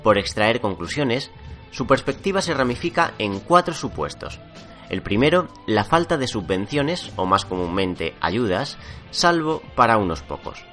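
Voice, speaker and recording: A man reading a scripted news report with a measured, formal delivery. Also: medium pitch, big pitch swings, fairly bright tone. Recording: faint music under the voice.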